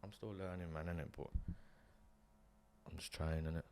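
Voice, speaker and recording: A young man with a low voice talks in a relaxed interview. His speech is slangy and earnest, full of small restarts and tag questions. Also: moderate pace, a little hiss or hum. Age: young adult. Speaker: guest, property investor. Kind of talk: casual interview chat.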